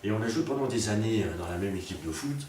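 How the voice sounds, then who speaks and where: Comic storyteller, male, low voice, full of puns and restarts; mic far off in a booming room. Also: expressive, fast talker, a little mellow. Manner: rambling, full of fillers and puns. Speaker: comedian. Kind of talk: rambling comic monologue. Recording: very echoey, distant, faint noise.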